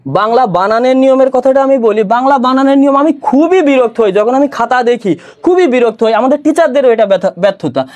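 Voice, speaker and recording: A man's voice: very high voice, a little fast. Playful male Bangla teacher in his thirties. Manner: lively, jokey, acts out examples. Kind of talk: promotional class talk to students.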